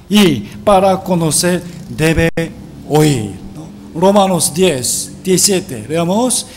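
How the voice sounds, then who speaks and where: A man's voice: on the high side, darkish tone. A man teaching a Bible seminar in a sermon style. He reads scripture aloud and asks his listeners rhetorical questions, often adding a tag question.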